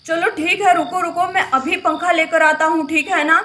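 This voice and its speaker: A woman voicing a patient grown brother in a village family, in a doll-play story, speaking lower than her own voice and calmly reassuring. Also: moderate pace. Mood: soothing. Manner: reassuring, making excuses.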